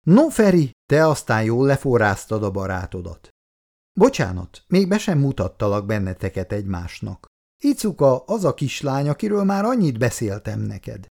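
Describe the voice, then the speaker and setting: Casting: a man playing a blunt young worker type in a read-aloud story, lively delivery. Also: mid-range voice, creaky. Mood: teasing. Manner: plain-spoken, teasing.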